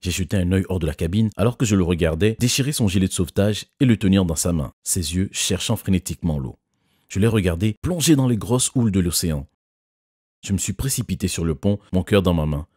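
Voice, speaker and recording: A man doing scripted first-person narration of an animated story. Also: sits low, fairly quick, slightly rough, dry recording, studio quality.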